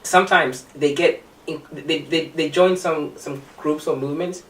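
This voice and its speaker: A man in a casual panel discussion who talks haltingly with many restarts and laughs often. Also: a little high, fairly even intonation, a bit bright. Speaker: panel guest. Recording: roomy sound from a distance with faint noise.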